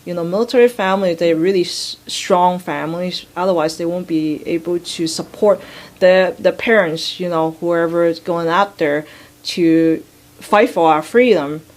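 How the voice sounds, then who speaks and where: A woman's voice: on the low side, normal speed. A woman navy veteran from Hong Kong speaking in an earnest, heartfelt way in an interview. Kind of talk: interview testimony.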